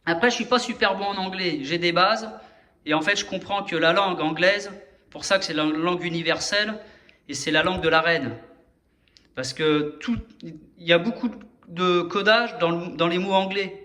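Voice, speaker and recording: Male host, high bright voice, rambling solo explainer who keeps correcting himself and checking in with viewers. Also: moderate pace. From France. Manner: hesitant, restarts often, addresses viewers directly. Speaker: video host explaining number codes.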